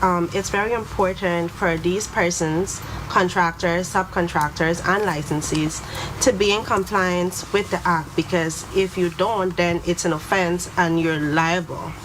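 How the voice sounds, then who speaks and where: A woman's voice: lowish voice, steady tone, unhurried. A woman methodically explaining legal duties, listing terms and quoting the act. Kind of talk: explanatory talk on law. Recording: noisy background ambience.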